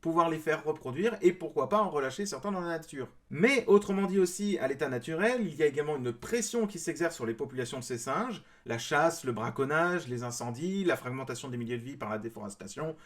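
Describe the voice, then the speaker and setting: A man's voice: fairly high pitch, animated, a little fast, hardly any pauses. A man from France giving a critical commentary in reply to a clip, explaining his points with mild sarcasm. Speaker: video creator responding to a clip.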